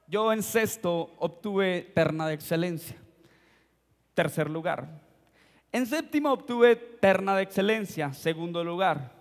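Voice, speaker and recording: High-voiced man preaching in a hall. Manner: animated storytelling with sound effects and frequent "¿sí?". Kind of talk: youth sermon with storytelling. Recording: long reverb of a big hall.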